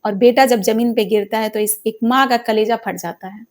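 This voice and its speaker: A woman's voice: a little high, fairly even intonation, moderate pace, darkish tone. Earnest woman telling a devotional story.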